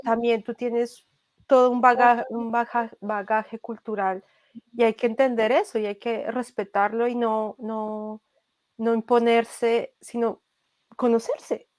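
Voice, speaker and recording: Thoughtful Colombian woman, higher voice. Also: flat delivery, unhurried, darkish tone, dry recording. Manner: thoughtful, many restarts and fillers. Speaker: podcast creator, interview guest. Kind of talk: casual interview conversation.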